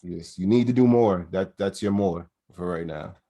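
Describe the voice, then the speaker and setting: A young man co-hosting a casual wrestling review podcast, talking in an animated way. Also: normal speed. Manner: animated, mocking asides in a high put-on voice. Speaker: podcast co-host.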